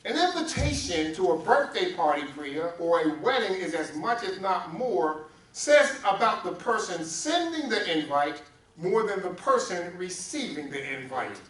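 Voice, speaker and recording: Pastor, male, slightly high voice, slow deliberate preaching, roomy sanctuary sound picked up from a distance. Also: sing-song, a bit bright. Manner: call-and-response preaching, addressing congregants by name. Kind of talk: sermon. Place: church sanctuary. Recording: roomy echo, distant mic, faint hum.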